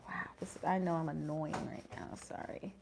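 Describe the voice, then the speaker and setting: Gravelly-voiced woman chatting through a tarot vlog. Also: sits low, steady tone, normal speed, whispered. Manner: chatty, slangy and profane, apologizing as she rambles. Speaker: astrology tarot reader. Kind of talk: casual tarot reading vlog.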